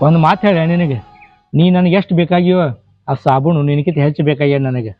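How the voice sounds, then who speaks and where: A man plays a moralizing village man with a North Karnataka accent and a somewhat high voice. He scolds and lectures, in a slightly dull recording with faint music behind. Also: quick pace, lightly acted. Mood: scolding. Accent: North Karnataka Kannada. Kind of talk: short-film acting.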